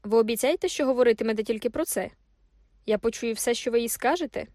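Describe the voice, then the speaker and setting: A woman's voice: fast, mellow, dry recording, studio quality, natural voice. A woman voicing an agitated, jealous middle-aged farmer in an audiobook, pleading and strained. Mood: anxious. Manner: pleading, strained, high-pitched outbursts. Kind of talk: audiobook character voice.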